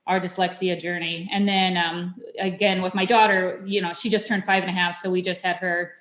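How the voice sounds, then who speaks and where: A woman's voice: fairly low pitch, little pitch movement, normal speed, fairly bright tone, reverberant. A woman guest on a podcast, telling her family's story in a casual, chatty way with many fillers. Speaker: podcast guest, mother of dyslexic children.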